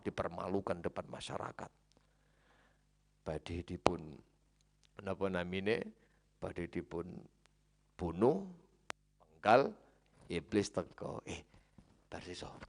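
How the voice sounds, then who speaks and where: Male preacher, javanese accent, gravelly lowish voice, lively storytelling. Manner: lively storytelling, swinging between loud and hushed. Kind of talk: sermon.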